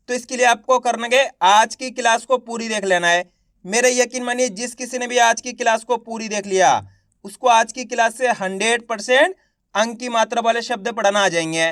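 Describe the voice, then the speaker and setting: A man with a fairly high voice teaches reading in an online lesson. He asks questions, answers them himself, and repeats each syllable slowly. The sound is dry and close, with no room echo. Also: fairly bright tone. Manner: addresses viewers as friends, slow careful enunciation.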